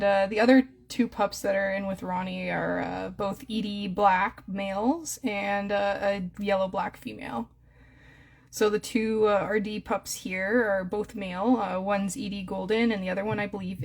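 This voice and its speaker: This young Canadian woman, a hamster breeder on a live stream, speaks in a creaky, medium-pitched voice. She keeps things casual, cooing and using plenty of fillers.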